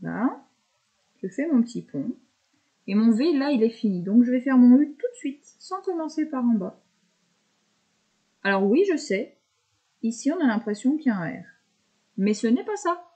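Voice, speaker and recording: A woman teacher calmly talking young pupils through handwriting, step by step, with patient explanations. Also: on the high side, poor audio. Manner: slow step-by-step verbalizing, patient.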